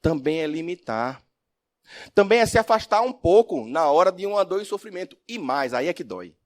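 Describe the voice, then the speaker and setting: A man's voice: on the high side, fairly quick. A man giving a religious lecture as a spiritist speaker and professor, telling stories expressively and asking the audience questions. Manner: expressive storyteller, asks the audience questions, swings from loud to soft.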